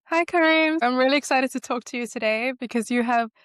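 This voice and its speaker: A woman's voice: sits high, fairly quick, a bit bright, dry recording, studio quality, faint music behind. A woman hosting a podcast interview, asking questions in an enthusiastic, encouraging way. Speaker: podcast host. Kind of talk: conversational interview.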